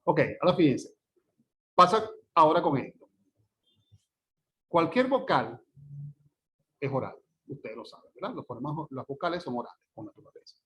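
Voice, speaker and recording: A male teacher giving a phonetics lecture. He checks in often with his students and repeats example words slowly and carefully. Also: fairly high pitch, expressive, pushed and bright.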